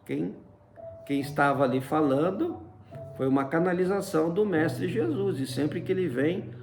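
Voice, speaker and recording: Speaking at normal speed with vocal fry and a slightly mellow, higher-pitched voice, a man shares a personal story over soft background music. His telling is chatty, peppered with "né?" and many fond diminutives.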